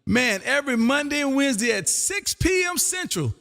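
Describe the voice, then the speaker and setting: This Texan's voice is very high-pitched, sing-song and gravelly, with a sharp tone over soft background music. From his home radio room he runs an amateur radio live stream, making contact calls and chatting in a folksy showman's manner, stretching out call signs and saying "man" a lot. The sound carries a long reverb like a hall.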